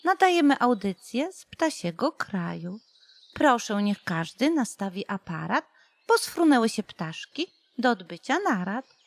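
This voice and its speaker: A woman narrating a rhyming children's audiobook in a slow, playful way, with birdsong behind her. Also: on the high side, no room sound. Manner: slow, playful, lively intonation. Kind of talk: audiobook poem reading for children.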